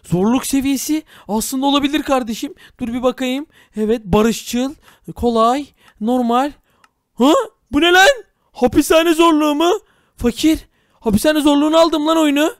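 A man's voice: very high-pitched, moderate pace, no room sound, studio quality. A man narrating a comic game role-play in a dramatic, exclaiming way.

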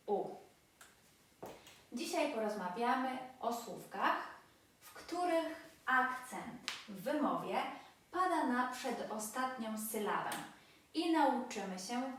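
A woman teaching a language lesson, explaining slowly and stressing each example word. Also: fairly high pitch, far from the mic. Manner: slow, deliberate explaining with emphatic example words. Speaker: Spanish teacher. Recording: very echoey room, voice from afar.

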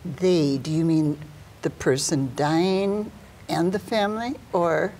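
An older woman in about her seventies hosting an interview, asking questions in measured phrases with pauses. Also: low voice, a little mellow, a little hiss or hum. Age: older, about 70s. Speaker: talk show host, interviewer.

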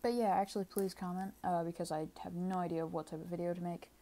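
A woman's voice: on the low side, fairly even intonation, fast, dark tone. A woman doing casual gameplay commentary at home, always sounding tired, offhand and rambling. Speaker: gaming channel creator. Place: home room. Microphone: desk microphone.

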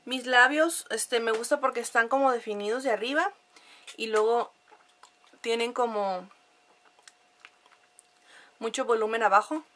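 A woman's voice: a little high, measured pace, pauses often, pushed and bright, slight background noise. A young Mexican woman with a nasal voice, chatting casually to camera at home, laughing often and using lots of fillers. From La Paz, Mexico. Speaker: vlogger.

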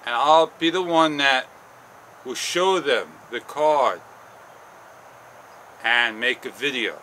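A man in his forties vlogging outdoors, rambling slowly and haltingly with frustration, on a clip-on mic. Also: medium pitch, pushed and bright, slight background noise. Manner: slow, halting, frustrated rambling with long pauses. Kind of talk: casual walk-and-talk vlog. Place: outdoors on a sunny garden patio and paths. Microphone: small wireless clip-on mic.

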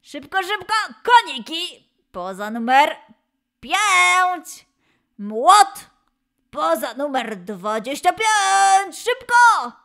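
Bright, very high, upbeat male lion mascot played by a woman leading a kids' dance class; unhurried, lively delivery. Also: exaggerated voice. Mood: cheerful. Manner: excited, sing-song cheering, drawn-out calls. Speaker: children's dance and gymnastics leader. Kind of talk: children's exercise instruction.

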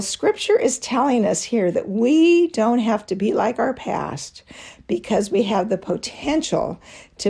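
A woman's voice: medium pitch, vocal fry, dark tone, husky. A middle-aged woman giving a devotional teaching talk to a women's fellowship, telling personal stories with light laughs. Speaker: women's ministry speaker.

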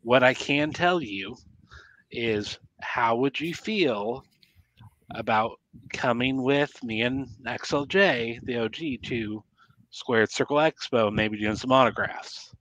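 A man's voice: mid-range voice, slow pace, fairly bright tone. A man co-hosting a casual wrestling podcast, talking with many fillers and plugs. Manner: rambling, many ums, thanks guests. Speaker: podcast co-host. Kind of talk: casual chat. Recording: muffled lo-fi audio.

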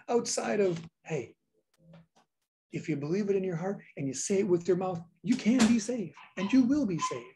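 A woman's voice: mid-range voice, a little hiss or hum. A woman pastor giving a sermon, reading scripture aloud and repeating key lines for emphasis.

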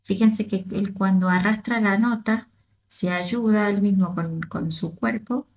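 A woman from the Río de la Plata region, a choreographer and dance teacher giving excited, casual reaction commentary, repeating herself and restarting often. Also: medium pitch, unhurried.

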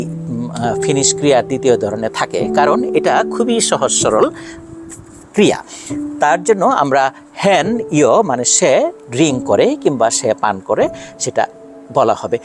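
Teacher, male, from Bangladesh, higher voice, patient and repetitive, music underneath. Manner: patient, slow repetition of example words. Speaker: language teacher. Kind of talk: Finnish lesson explained in Bengali. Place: shopping center.

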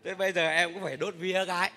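A man performing a stage comedy sketch as a motorbike taxi driver, loud, boastful and bantering. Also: high-pitched, little pitch movement, rapid-fire, soft background music. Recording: reverberant hall.

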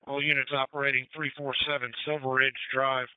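A man's voice: mid-range voice, flat delivery, fairly quick, smooth, no room sound. A man working as a dispatcher, making formal, procedural announcements over a crackly emergency radio. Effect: crackly two-way radio. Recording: phone-like crackly radio scanner audio.

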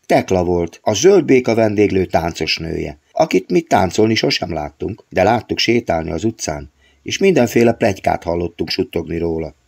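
A man narrating an audiobook of his own novel in a steady storytelling read. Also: low voice, vocal fry, breathy edge.

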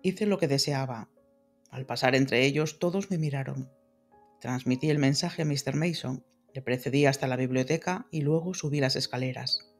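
A man reading a classic novel aloud as an audiobook narrator, in a measured, dramatic style. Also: mid-range voice, soft background music. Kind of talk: scripted literary narration.

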